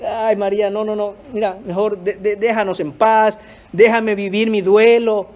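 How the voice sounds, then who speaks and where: A man's voice: sits high, very animated, normal speed, darkish tone. A man voicing gloomy, self-pitying disciples who brush off good news, in a sermon. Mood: sulking. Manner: whiny, dismissive.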